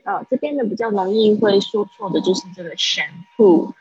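A woman teaching English vocabulary on a livestream, explaining patiently and drilling pronunciation slowly. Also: mid-range voice, a little mellow, husky, soft background music. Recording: dull, lo-fi livestream audio.

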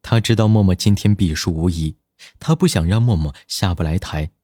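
A man narrating an audiobook in a steady, measured reading voice. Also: low-pitched, husky, no echo, studio quality.

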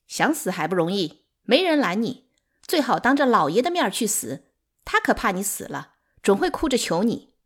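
A woman voicing a spiteful, sharp-tongued concubine who shouts insults in an audiobook. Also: medium pitch, very animated, moderate pace. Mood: scornful. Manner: loud, harsh, scornful.

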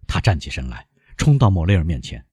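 A man narrating a novel in an expressive, dramatic reading. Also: low-pitched, a little fast, husky, no echo. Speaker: audiobook narrator.

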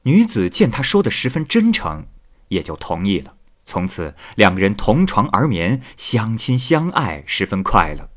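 Lively male storyteller. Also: on the low side, normal speed. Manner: expressive, lively, voices every figure. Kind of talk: storybook narration of a classic tale.

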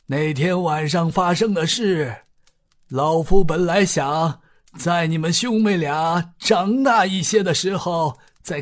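A man voicing a weak but kindly old man in an audiobook, speaking slowly and softly in a raised, thin voice. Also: sits high, voice pushed up, exaggerated voice. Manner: slow, soft, drawn-out elderly speech. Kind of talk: audiobook character voice.

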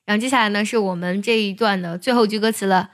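Woman song teacher, calm and measured, middle pitch, soft music way in the back. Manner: patient, measured, many soft sentence-final particles. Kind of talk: explaining lyrics and singing technique.

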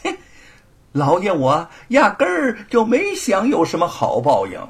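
A man's voice: sits high, huge pitch swings, a little slow, husky, voice pushed up, heavily acted. A male storyteller voicing a gloating, cruel middle-aged local tyrant who sneers and blusters. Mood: sneering.

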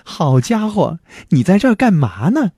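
A cheeky, carefree little boy, as a man puts him on, with a light, raised voice that bounces up and down in a sing-song. It sounds soft and a little breathy, and the voice is close and dry. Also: sits high, sing-song, moderate pace, no echo, pitched above the performer's own voice, full character voice. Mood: playful. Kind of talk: children's story reading.

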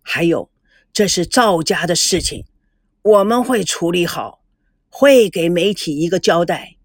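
Woman reading as a strict elderly grandfather, low slow scolding voice, dry close sound, storybook telling. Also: lively intonation, no room sound. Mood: stern. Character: stern old grandfather, head of family.

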